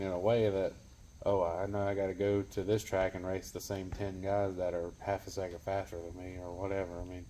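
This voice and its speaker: A man's voice: low voice, warm tone, a little hiss or hum. A man, a drag racer talking bluntly and confidently in a casual post-race chat. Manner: blunt, confident, lots of "I mean".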